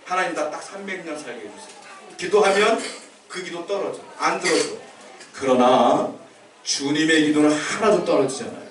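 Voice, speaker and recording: A male pastor delivers a lively sermon, slipping into the voices of the figures he tells about. His somewhat high voice carries through a roomy church sanctuary, picked up from a distant microphone, with a faint hum of room ambience behind him. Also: moderate pace. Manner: animated preaching, acting out scripture voices.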